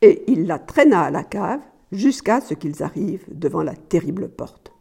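A woman reading a tale aloud in a calm storytelling manner. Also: fairly low pitch, moderate pace, vocal fry, slightly rough. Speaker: reader.

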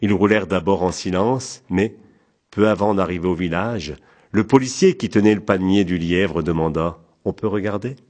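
A man narrating an audiobook in a calm, even, measured way. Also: sits low.

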